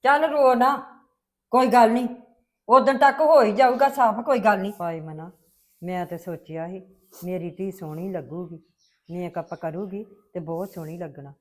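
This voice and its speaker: A woman's voice: high-pitched, moderate pace, close to an everyday voice. An actress playing a well-meaning, flustered mother. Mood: consoling. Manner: flustered, defensive. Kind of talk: web drama acting.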